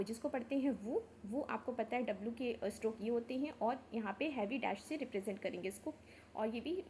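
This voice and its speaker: A woman teaching shorthand in Hindi with English words mixed in, walking through each outline step by step. Her voice sits fairly high, and she keeps checking in with listeners by asking "clear?". A faint hiss runs under the recording. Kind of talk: online lesson, explaining step by step.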